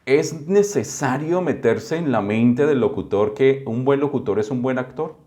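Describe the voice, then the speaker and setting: A man's voice: medium pitch, lively intonation, measured pace, dark tone. A man hosting an interview, asking long questions with many hesitant restarts. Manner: hesitant, restarts before points. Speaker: interviewer host.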